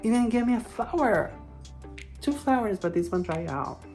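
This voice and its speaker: A plant vlogger with a foreign accent chats in English over music, playful, informal and a little hesitant. Her voice is fairly high and expressive with a darkish tone, at a moderate pace.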